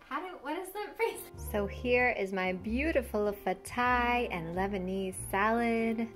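A young woman hosts a casual cooking vlog from her home kitchen, talking to the camera in a chatty, upbeat way. Her voice sits at a middle pitch. The room sounds echoey, and clear background music plays under her voice. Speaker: host.

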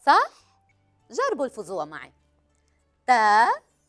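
A woman with a Levantine Arabic accent, a teacher giving a children's language lesson. She stretches words out slowly and keeps quizzing her viewers. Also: on the high side, huge pitch swings, fairly bright tone, soft background music.

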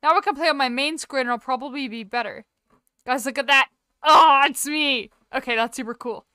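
A woman's voice: sits high, a little fast, bright, forceful tone, clear, resonant tone, dry recording, clean studio sound. A woman streamer chatting casually and rambling with little asides while she games, her voice run through a heavily compressed mic. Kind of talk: casual live-stream chat while gaming. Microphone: desk mic with software compressor.

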